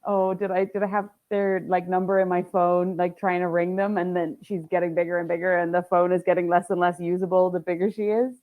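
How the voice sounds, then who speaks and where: A woman guesting on a casual chat, brainstorming story ideas in a quick, chatty way. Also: lowish voice, level tone, phone-quality sound. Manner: quick, chatty, laughs easily. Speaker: guest writer.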